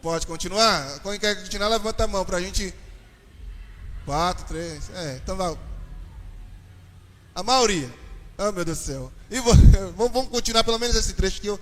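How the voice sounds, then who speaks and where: A Brazilian man, a pastor, giving a lively church talk on marriage and questioning his audience. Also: high voice, normal speed, pauses often. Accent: Brazilian Portuguese. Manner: animated, addresses the audience with questions. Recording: reverberant hall, distant mic.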